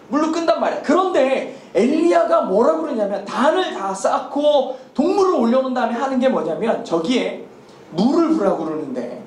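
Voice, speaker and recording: A man with a strikingly high voice preaches a sermon and tells the story in a lively way, asking rhetorical questions and chuckling along. The sound rings around a roomy church sanctuary. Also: a little hiss or hum. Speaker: pastor.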